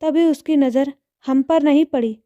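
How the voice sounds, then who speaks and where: A wise, gentle older mother speaks softly in a storybook tale, as a woman reader puts her on. Her voice sits high and sounds very warm and mellow. The sound is close and dry. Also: unhurried, no room sound, lo-fi sound. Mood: tender. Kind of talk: storybook narration.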